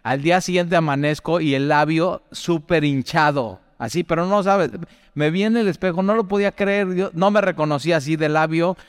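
A man's voice: on the high side, normal speed, clean tone, no room sound, clean studio sound, in a large hall. A man teaching from the Bible in a chatty way, putting direct questions to the listener and telling personal stories.

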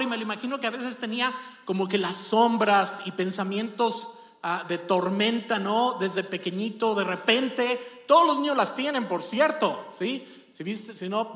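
A male pastor giving a sermon in an animated, conversational way, checking often that the congregation follows. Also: high voice. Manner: animated, conversational storytelling with rhetorical check-ins. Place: church. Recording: echoey church hall.

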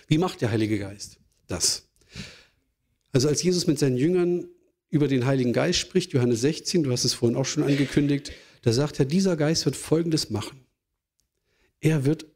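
A man's voice: medium pitch, a little mellow, slightly rough. A man from Germany, a pastor, giving an earnest sermon with rhetorical questions.

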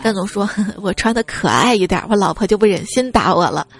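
A woman host reading listener jokes aloud, laughing at her own lines and jumping her voice up to act out the people in each joke. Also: brisk. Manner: lively, acts out quoted speakers with jumps in pitch. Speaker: radio-style joke show host. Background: faint background music.

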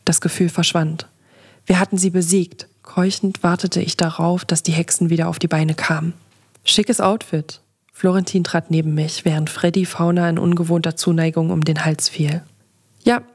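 A woman narrating a fantasy story in the first person, steady and expressive, as a podcast narrator. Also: fairly low pitch.

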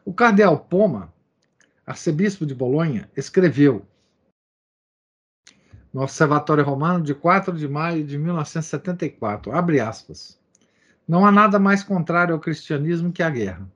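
A man's voice: a little high, expressive, moderate pace, fairly bright tone. Lecturing man on a dull lo-fi recording. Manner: reads quoted passages, adding asides and verbal tics like "né?". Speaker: lecturer reading a text aloud. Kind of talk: reading and commenting on a text.

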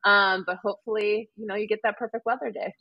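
A woman's voice: medium pitch, fairly even intonation, fast talker, slightly rough, no echo, lo-fi sound. A woman with a Wisconsin accent, a marathon runner chatting casually as a podcast guest, full of ums and likes. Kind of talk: casual interview chat.

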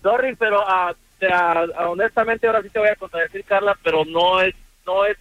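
A man's voice: high voice, steady tone, brisk, faint music behind. A man calling in to a radio show, chatty and flirtatious. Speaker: caller. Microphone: phone. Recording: dry muffled phone line.

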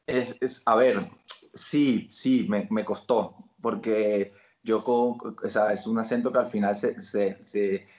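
A man's voice: on the low side, slow, echoey room. A man from Barranquilla with a Colombian Caribbean accent, an actor guest telling stories in casual interview chat. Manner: animated storyteller, laughs while acting out lines.

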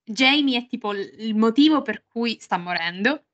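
A woman's voice: a little high, animated, moderate pace, a bit bright, no room sound, muffled recording. A woman co-hosting a casual book podcast. She reads passages aloud with drama and jokes and swears freely between them. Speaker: podcast co-host.

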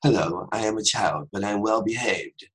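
A man's voice: fairly low pitch, normal speed, fairly bright tone, breathy edge, rough recording. A man voicing a small boy who insists he is well behaved, in a sugary, overly innocent pleading tone. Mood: mock-innocent.

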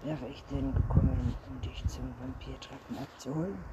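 A man's voice: medium pitch, steady tone, normal speed, highs cut off, lightly acted. A man voicing a cheeky, boastful little boy vampire who mocks and brags, in a storybook reading. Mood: mocking. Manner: mocking, proud, giggly. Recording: noisy recording.

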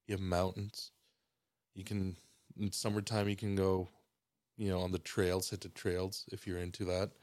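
A man from Mexico, a podcast guest, talking in a relaxed, rambling way with lots of fillers and restarts. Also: low-pitched, moderate pace, no room sound, clean studio sound. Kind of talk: casual podcast chat.

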